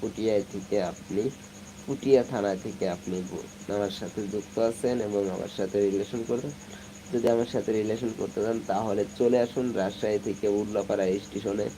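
Young man host, cold-softened low voice, casual chatty live-stream banter, phone mic outdoors with crickets and night noise. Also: steady tone, moderate pace. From Sirajganj, Bangladesh. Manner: chatty, reads comments aloud, hums song snatches. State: has a cold, speaking softly. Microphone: phone, no external microphone.

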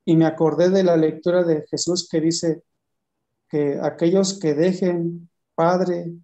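A man giving a personal testimony in conversation, telling his story in a halting way with frequent restarts. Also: fairly high pitch, little pitch movement, warm tone.

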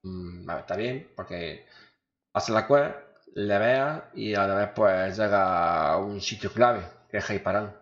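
A man's voice: fairly low pitch, measured pace, a bit bright. A man with an accent from Spain giving casual, coarse, informal gameplay commentary, muttering to himself as he goes. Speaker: gaming video host. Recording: echoey, dull microphone, faint music. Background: faint game music.

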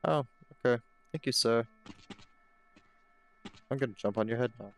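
A man's voice: medium pitch, normal speed. A man giving joking, chatty let's play commentary, reacting aloud as he plays. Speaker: gaming host.

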